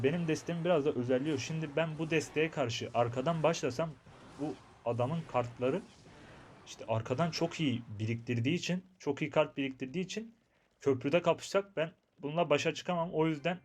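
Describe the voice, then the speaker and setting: A young man giving chatty, excitable commentary on his own mobile game match, talking to his viewers and to himself. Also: a little high. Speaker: gaming YouTuber. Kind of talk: live gameplay commentary.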